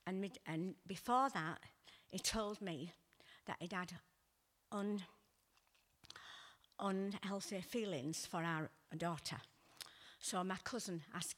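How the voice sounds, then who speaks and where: An older woman tells her own life story in a halting, emotional way. She restarts her sentences and sighs as she goes. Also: on the low side, a bit bright. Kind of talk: personal testimony.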